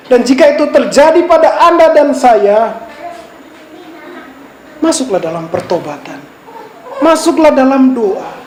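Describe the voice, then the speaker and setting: A woman preacher delivering a sermon with dramatic emphasis, swinging between loud and hushed delivery. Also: high voice. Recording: echoey room with faint background noise.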